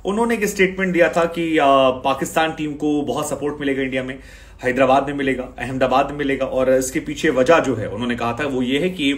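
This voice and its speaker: A man's voice: medium pitch, fairly even intonation, fairly quick. Man hosting a cricket news talk. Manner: talks straight to viewers, reads out and sums up posts. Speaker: cricket channel host. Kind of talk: conversational news commentary.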